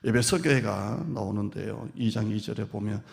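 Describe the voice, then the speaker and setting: A man pastor preaching a sermon in a lively, playful way, acting out quoted speech and teasing the congregation. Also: on the low side, normal speed, creaky. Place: church sanctuary. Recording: long hall reverb.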